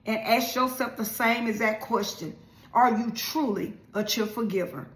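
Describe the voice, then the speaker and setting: A woman's voice: on the high side, normal speed, fairly bright tone, reverberant. A woman minister giving a devotional sermon in an earnest, questioning way, asking listeners the same questions again and again.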